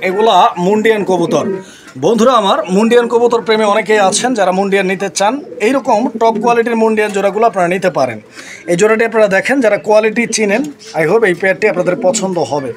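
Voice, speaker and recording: A man rattles through a pigeon farm tour at breakneck speed, his voice pitched high. He calls out to his viewers and repeats each price as he bargains with the seller. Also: racing. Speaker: vlogger touring a pigeon farm. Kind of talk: casual on-site product presentation.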